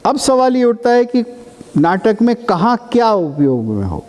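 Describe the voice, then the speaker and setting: A man's voice: sits high, very animated, a little slow, a little mellow. A man giving a classroom lecture, explaining patiently and breaking now and then into chanted demonstrations. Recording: reverberant lecture hall.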